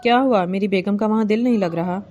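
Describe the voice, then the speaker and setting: A woman's voice: medium pitch, a little mellow, lightly acted. A woman voicing a domineering young male village landlord in a novel reading, commanding and teasing.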